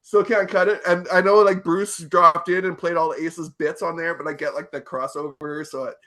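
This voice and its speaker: A man's voice: a little high, level tone, normal speed, bright, forceful tone. A man co-hosting a podcast in casual chat, rambling and easygoing with many fillers. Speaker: podcast co-host.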